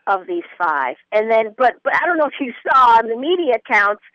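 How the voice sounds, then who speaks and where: A woman's voice: a little high, sing-song, brisk, a bit bright, no echo. Woman guest on talk radio, earnest, gets indignant, dull phone-ish sound. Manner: earnest, rising to indignant emphasis. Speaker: guest commentator. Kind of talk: political talk radio discussion. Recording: muffled phone-line audio.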